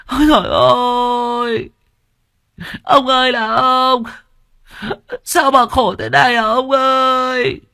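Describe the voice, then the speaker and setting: A man's voice: fairly even intonation, slow, pauses often, pushed and bright, no echo, clean studio sound, heavily acted. A man voicing a stout middle-aged village woman who wails in grief over her husband. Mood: wailing. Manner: shrill wailing.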